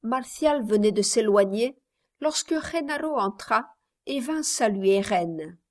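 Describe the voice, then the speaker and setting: A woman reading a novel aloud in a calm, deliberate manner. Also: on the high side. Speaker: audiobook reader. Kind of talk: scripted narration.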